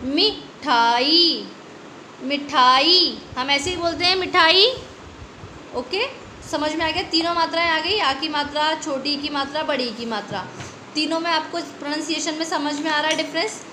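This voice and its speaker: An Indian primary school Hindi teacher runs an online lesson for young children, slowly stretching out each word and quizzing the kids with questions. Her voice is high-pitched and sharp. The room is echoey, with faint ambience and slight background noise.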